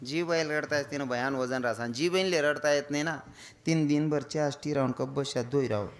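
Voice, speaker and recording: This male kirtan preacher speaks at a fairly high pitch and a normal speed. His comic devotional sermon on stage is full of stories, with imitations of women wailing.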